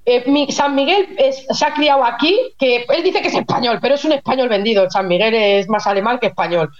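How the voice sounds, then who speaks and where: High-voiced woman, chatty and lo-fi. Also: a little fast. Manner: animated, chatty explaining. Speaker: guest, nurse living in Germany. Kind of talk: casual radio interview chat.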